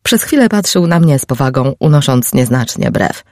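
A woman reading a first-person novel aloud as audiobook narrator, calm and even. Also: extremely low pitch, normal speed, no room sound, clean studio sound.

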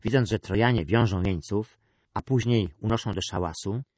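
A man narrating an adventure story in a measured storytelling manner. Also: lowish voice, a little mellow, no echo, clean studio sound. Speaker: audiobook narrator. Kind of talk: scripted narration.

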